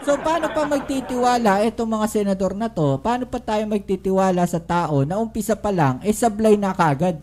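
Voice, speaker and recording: A woman's voice: medium pitch, brisk, hardly any pauses, a little mellow, slight background noise. Woman doing chatty political commentary. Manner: rhetorical questions, tag "no?" and "di ba?" throughout; addresses viewers directly and often.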